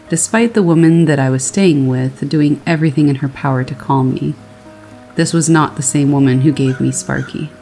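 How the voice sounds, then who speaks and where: A horror story narrator calmly reading a first-person scary story aloud, with steady storytelling delivery. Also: medium pitch, rough recording. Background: rain sounds and faint music.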